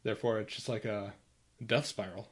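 Opinionated man with a lowish voice. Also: steady tone, normal speed, breathy edge. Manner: opinionated, argues his points firmly. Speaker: podcast co-host. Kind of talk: casual chat.

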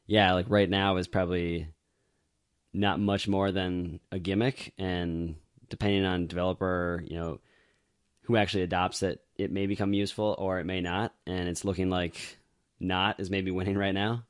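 Deep-voiced man in casual podcast chat. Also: level tone, moderate pace, clean tone, no echo, clean studio sound. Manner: rambling, laughs easily, many fillers. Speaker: podcast co-host.

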